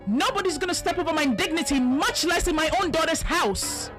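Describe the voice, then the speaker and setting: A fuming proud soap mom, high voice, dramatic threats, faint music behind. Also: female voice, expressive, a little fast. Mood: furious. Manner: theatrical, threatening. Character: proud furious middle-aged mother. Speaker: furious mother. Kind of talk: dubbed telenovela acting.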